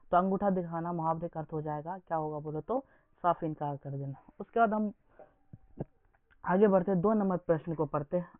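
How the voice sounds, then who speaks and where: High-voiced man teaching over a tinny line. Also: no room sound. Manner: quizzing listeners with repeated questions. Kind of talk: exam coaching lesson. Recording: dry, phone-like lo-fi sound.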